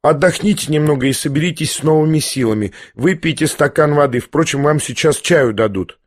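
A man voicing a gentle, timid young prince who speaks softly and haltingly. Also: a little high, dry recording, studio quality, close to an everyday voice. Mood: hesitant. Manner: soft, hesitant, halting.

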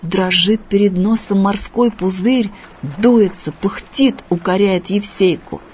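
A woman reading a children's story aloud in a measured, expressive way. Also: medium pitch, a little hiss or hum.

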